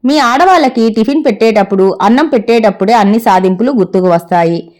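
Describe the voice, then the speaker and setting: A woman's voice: a little high, fast talker, darkish tone, natural voice. A woman voicing a wry, easygoing middle-aged father who teases his wife. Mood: teasing. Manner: teasing, dry.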